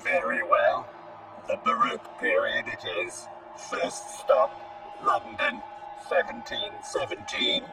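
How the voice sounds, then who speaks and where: A man's voice: slow pace, recorded from a distance, music in the background, natural voice, poor audio. A man voicing a whispering, formal male guide of a time machine in an audio drama. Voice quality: whispered, breathy. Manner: polite announcer tone.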